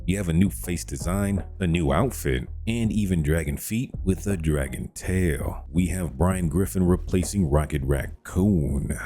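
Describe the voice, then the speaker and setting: A man's voice: deep voice, dark tone. A man hosting a game mod showcase in casual narration, with a slangy, laid-back delivery. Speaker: video host reviewing game mods. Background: faint music.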